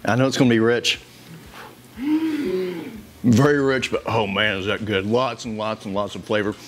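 A man's voice: on the low side, steady tone, normal speed, slight background noise. A man hosting a casual home cooking video, joking around and chuckling as he cooks. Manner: joking, easygoing, chuckles often. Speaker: cooking show host. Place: home kitchen.

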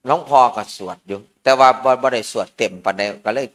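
A man's voice: medium pitch, a little fast, a bit bright. A man, a Buddhist monk with an Isan accent, giving an informal sermon at a merit-making ceremony in a folksy, joking storytelling manner.

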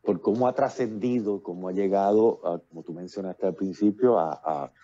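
This man speaks at normal speed in a low, mellow voice on a muffled recording. A playwright and actor from Puerto Rico in his fifties with a Puerto Rican accent, he guests on a casual video-call interview and talks at length, with many fillers and restarts, using earphones with a built-in mic.

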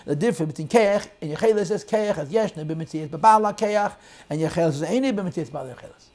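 A man teaching a Chassidic text class, explaining in English sprinkled with Hebrew and Yiddish terms and shifting between loud and soft emphasis. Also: high-pitched, quick pace. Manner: quotes and translates lines of text, swings loud and soft. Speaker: Torah teacher.

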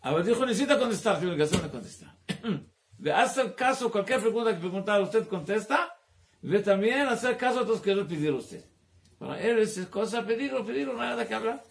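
A male rabbi giving a Torah class, talking in a halting way, searching for words and dropping in Hebrew terms. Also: sits high, lively intonation, vocal fry. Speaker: rabbi teaching Talmud.

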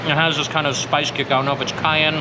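A man's voice: a little high, level tone, fast. A man chatting with his mouth full as he tastes food and gives an enthusiastic casual review. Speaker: food vlogger. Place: barbecue restaurant. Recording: noisy room tone.

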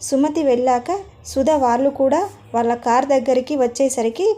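High, mellow woman storyteller. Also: steady tone, normal speed. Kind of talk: narrated serial story.

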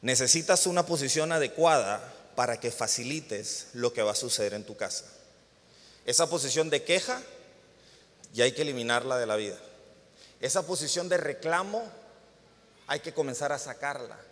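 A man in his thirties preaching a sermon, telling a family story with lively, animated delivery and sudden loud bursts. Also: mid-range voice, moderate pace, pauses often, long reverb tail. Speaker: pastor. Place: church hall.

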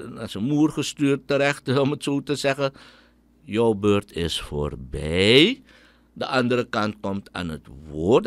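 Surinamese Dutch man, middle-aged, ranting radio commentary, pitch swinging wildly, dry close sound. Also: a bit bright, dry recording. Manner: indignant, ranting, scornful. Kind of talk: opinionated radio monologue.

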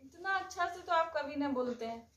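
A woman's voice: high-pitched, expressive, moderate pace, loud music behind the voice. A young woman at home at night gives short, sulky replies, caught from a distance by a phone camera. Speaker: vlogger's wife. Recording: echoey room, off-mic with loud noise.

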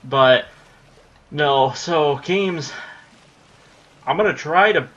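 A young man in his late teens, a YouTuber, chats casually about recording plans during gameplay and curses at setbacks. His voice is a little high and fairly bright, and he draws out his words. The highs in the recording are cut off.

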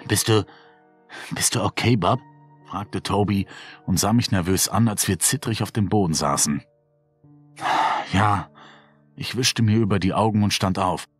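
A man reading a horror story aloud in a measured, dark storytelling manner. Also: lowish voice, husky. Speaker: narrator. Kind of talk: horror audiobook narration. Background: faint music.

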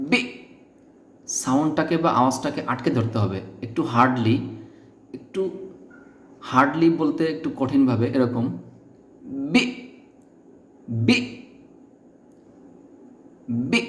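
A man teaching Quran pronunciation, repeating syllables slowly and patiently to stress the correct sounds. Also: mid-range voice, slight background noise. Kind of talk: step-by-step pronunciation lesson. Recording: echoey room.

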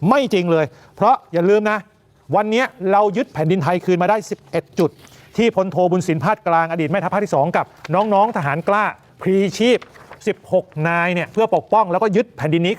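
A male news anchor giving emphatic, animated commentary. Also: sits high.

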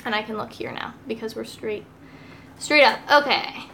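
Her voice is a little high, creaky, pushed and bright, at a moderate pace. A young American woman, she casually and gigglingly hosts a cooking live stream from her home kitchen, reading comments aloud, recorded on a phone or tablet a short distance away with noisy audio.

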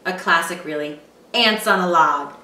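A woman in her thirties with a bright, forward voice, cheerfully walking through a snack in her home kitchen. She chats in an upbeat, encouraging way. The sound is roomy and picked up from a distance. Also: fairly low pitch, normal speed. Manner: upbeat, chatty, encouraging tips. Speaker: cooking show host, mother. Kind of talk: casual cooking demonstration with her daughter. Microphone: far camera mic.

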